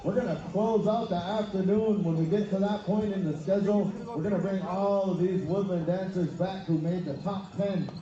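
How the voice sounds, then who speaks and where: A man's voice: sits high, steady tone. A man working as a powwow emcee, announcing and rallying in a folksy, exhorting way over a distant arena sound system. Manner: exhorting, folksy, drawn-out calls to dancers and singers. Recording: echoey, dull PA sound from far off.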